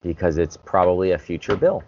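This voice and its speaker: A man's voice: deep voice, animated, a little fast, darkish tone, dull audio, a little hiss or hum. A man co-hosting a casual sports podcast, chiming in with guesses and memories. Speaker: podcast co-host guessing trivia.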